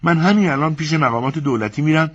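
An anxious young wife pleads in a hurry for her husband's rescue, voiced by a male narrator. Her voice is pitched far above his own and trembles with urgency. The recording sounds dull and lo-fi. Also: a bit bright. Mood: urgent. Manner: hurried, pleading.

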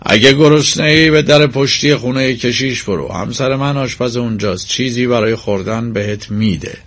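A man's voice: medium pitch, a bit bright. A man voicing a burly church sexton, blunt and brusque but kindly underneath, in a storybook reading.

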